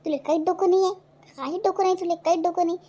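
A high-pitched, sharp-tongued cartoon mother, voiced by a woman, scolding in a broad Vidarbha accent. She is a widow at the end of her patience, nagging and berating her idle grown son. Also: fairly even intonation, a little fast, lightly acted. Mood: furious scolding. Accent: Vidarbha Marathi. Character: scolding widowed village mother, middle-aged, fierce. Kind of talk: cartoon voice acting.

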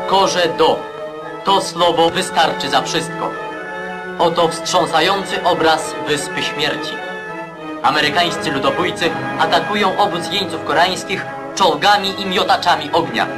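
A man's voice: a little high, measured pace. A man narrating an old 1950s newsreel in a stern, declamatory voice. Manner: declamatory, stern propaganda delivery. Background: loud music score.

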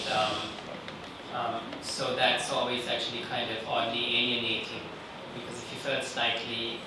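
A man in his forties, an author on a panel, answering in a reflective, conversational way. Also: mid-range voice. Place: living room with small audience. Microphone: handheld microphone. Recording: roomy distant sound with noise.

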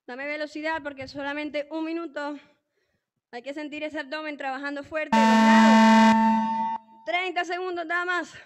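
A woman coaching a live online fitboxing class, calling out counts and cheering the students on. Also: sits high. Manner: energetic, encouraging, calling out counts and cues. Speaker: fitboxing instructor.

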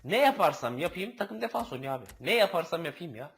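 High, lively, excitable young gamer man. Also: fast, gravelly, poor audio. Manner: excitable, swears and groans at the game, mock play-by-play. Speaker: gaming channel host. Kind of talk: gameplay commentary.

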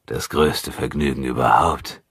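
A man doing a slow, sneering cruel knight. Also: very deep voice, fairly even intonation, a bit bright, husky, no room sound, studio quality, full character voice. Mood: mocking. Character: cruel armored male knight, mocking and calm. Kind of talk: audiobook character reading.

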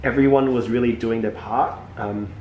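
Here the Hong Kong-born podiatrist, a young adult raised in New Zealand from a young age, keeps up relaxed chatter with a patient while working, leaning on "like." His mid-range voice stays steady at a moderate pace, the audio sounds dull, and the room echoes with clear background noise.

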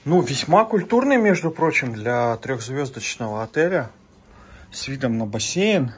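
A man's voice: mid-range voice, very animated, moderate pace, husky. A man narrating his travel vlog while walking around with a phone, chatting to viewers as friends with plenty of fillers. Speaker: travel vlogger. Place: outdoors and in hotel rooms, walking with a phone.

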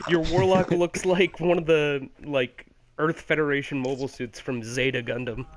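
A man's voice: a little high, steady tone, measured pace. A young man from Missouri chatting in a gaming session, dropping nerdy references. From Missouri, USA. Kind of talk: casual gaming chat over voice call.

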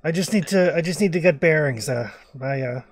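A man voicing a dusty, lost male camel rider who shouts from a distance in a plain voice. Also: medium pitch, level tone, measured pace, vocal fry. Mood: friendly.

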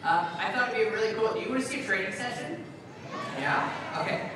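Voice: medium pitch, very animated, brisk. A show co-presenter with an informal, hesitant delivery, bantering casually on stage in a comic style. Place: live bird show before an audience. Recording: very echoey venue, distant, loud noise.

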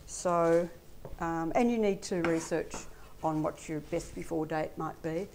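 A woman's voice: on the low side, unhurried, slight background noise. Older woman chatting in a kitchen. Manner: relaxed, plain-spoken, frequent ums. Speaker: guest chutney maker. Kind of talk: casual cooking chat. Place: home kitchen, indoors.

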